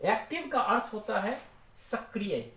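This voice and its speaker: A woman teacher giving a grammar lesson, speaking slowly and deliberately and repeating words to break them into syllables. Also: fairly high pitch, big pitch swings, fairly bright tone. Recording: echoey room.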